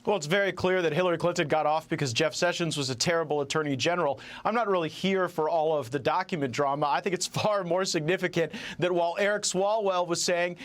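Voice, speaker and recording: Congressman dude on tv, high voice, wry and sure of himself. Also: quick pace, few pauses. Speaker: congressman guest. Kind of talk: TV interview answer.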